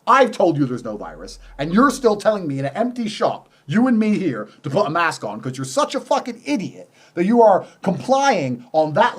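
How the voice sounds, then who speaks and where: A man's voice: sits high, a bit bright, slightly rough. A man in a heated conversation, talking in a combative way and swearing freely.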